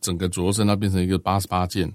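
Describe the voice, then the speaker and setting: A man's voice: sits low, rapid-fire, no room sound. A middle-aged man with a Taiwanese Mandarin accent, a recording engineer and drummer chatting casually and explaining with sound examples. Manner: explains with sound examples, animated when excited. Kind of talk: casual chat.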